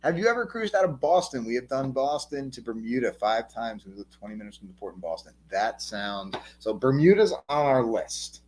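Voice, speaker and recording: A man's voice: mid-range voice, expressive, normal speed, few pauses, a little mellow, a little hiss or hum. A man with a New Jersey accent co-hosting a casual livestream, joking dryly and reading out viewer comments. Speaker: co-host.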